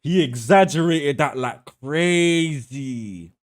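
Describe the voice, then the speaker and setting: A man's voice: fairly high pitch, slow pace. A young British man reacting live on stream in blunt, brash talk, swearing and mocking as he goes. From United Kingdom.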